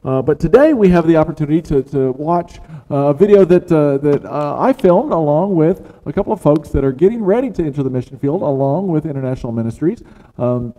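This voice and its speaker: A man's voice: a little high, animated, a little fast, warm tone. A man introducing a ministry video to a congregation, hesitant with many "uh" fillers. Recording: long hall reverb.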